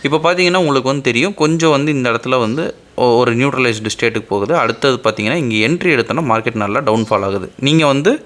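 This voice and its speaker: An animated, racing male voice, mid-range and fairly bright, with an Indian Tamil accent. He's a trading instructor walking through an informal screen-share tutorial step by step, often tossing in short tag questions to make sure listeners follow.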